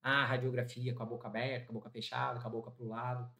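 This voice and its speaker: A man, an orthodontist, giving a live lecture to an audience, lively and talking straight to the listeners, acting out bits of patient dialogue. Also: medium pitch, fast, gravelly. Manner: animated, acts out patient dialogue, addresses audience as "gente". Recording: echoey room.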